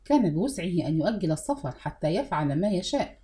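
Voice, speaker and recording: A woman's voice: fairly low pitch, big pitch swings, quick pace, dark tone, pitched below the performer's own voice. A woman voicing a desperate bitter uncle. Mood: uneasy. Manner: pleading, desperate. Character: desperate middle-aged uncle, bitter and wary.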